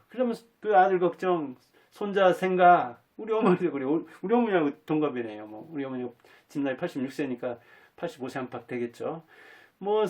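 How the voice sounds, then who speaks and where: Man, 50s-60s, channel host; earnest and folksy solo talk, voice sits a bit high. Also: darkish tone. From Jinan, North Jeolla, Korea. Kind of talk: solo reflective monologue.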